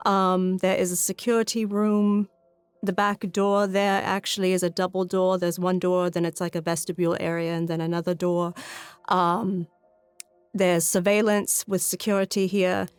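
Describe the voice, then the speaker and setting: A woman's voice: lowish voice, flat delivery, normal speed, clean tone, no echo, faint music behind. A woman speaking casually as she describes things in a tabletop role-playing game.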